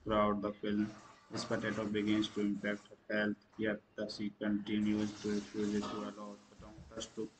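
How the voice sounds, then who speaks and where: A low-pitched man reads a film recap aloud in an almost completely flat, unvarying tone. His reading halts now and then, with slips and restarts, and he clears his throat between lines. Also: background noise. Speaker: movie review channel host. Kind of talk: read-aloud film summary.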